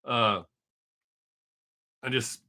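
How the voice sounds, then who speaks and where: A fifty-something man from Texas talks very slowly, his mid-range voice pushed and bright with fairly even intonation. He's rambling, profane, and chatty with viewers on his live stream, heard through a webcam mic.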